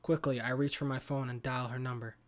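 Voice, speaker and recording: A man's voice: medium pitch, little pitch movement, brisk. A man reading a horror game's story narration aloud as a gaming host. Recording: clear background noise.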